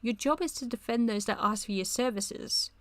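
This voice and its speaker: A woman reading the lines of a calm, reassuring older male lawyer comforting his son, in a dry close sound. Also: on the high side, normal speed, no echo, close to an everyday voice. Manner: read aloud from a chat log.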